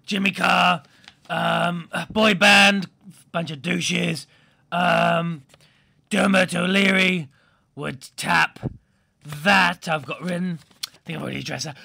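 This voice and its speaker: A man doing a goofy, laddish superhero for a comic podcast, with a gravelly, rasping voice pitched high and bright. The talk rambles along and keeps bursting into excited shouts. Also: exaggerated voice. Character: goofy laddish male superhero chatting about TV.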